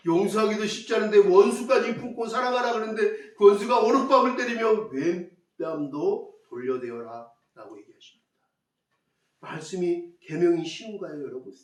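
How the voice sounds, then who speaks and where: A male pastor preaching a sermon, putting rhetorical questions to the congregation and repeating key phrases for emphasis. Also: high-pitched. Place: church. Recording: echoey church hall, mic at a distance.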